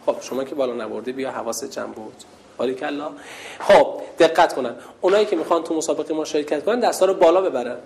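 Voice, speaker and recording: A woman religious instructor leading a lively call-and-response game with young girls in a large hall. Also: low voice. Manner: lively, playful, calls out loudly.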